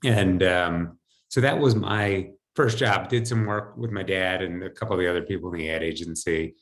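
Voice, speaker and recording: A man in his fifties with an American accent, from New Jersey, shares personal stories as an interview guest on a video call, speaking low at normal speed. He's a financial advisor on a podcast, talking from indoors at home through his computer mic.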